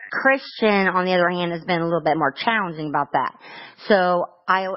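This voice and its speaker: A woman's voice: on the low side, brisk, no room sound, dull audio. A middle-aged woman talking casually on the phone about her sons, rambling with many restarts and stammers. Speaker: mother on a phone call.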